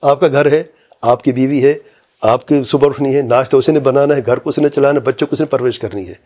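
A man's voice: medium pitch, warm tone. A man, an Islamic scholar, answering a question in an emphatic religious lecture, reciting Arabic verses and asking rhetorical questions.

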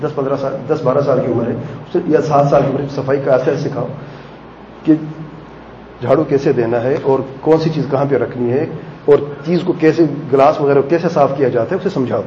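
A man's voice: medium pitch, fairly even intonation, warm tone, roomy sound, highs cut off, a little hiss or hum. A man giving a sermon on parenting in a conversational way, acting out family exchanges and asking rhetorical questions. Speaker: preacher.

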